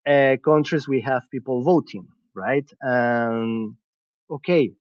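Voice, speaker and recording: A Venezuelan man, appearing as a podcast guest, talks earnestly and reflectively in a conversational way, searching for words and often restarting. His mid-range voice is slow, and the sound is dry and dull with no room noise.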